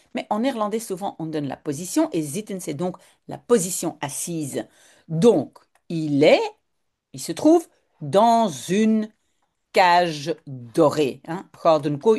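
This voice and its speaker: A woman teaches at an unhurried pace, reading a short text and explaining it word by word. Her pitch moves freely up and down as she explains. She is patient and thorough, like a tutor going through a lesson. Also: darkish tone. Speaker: language teacher.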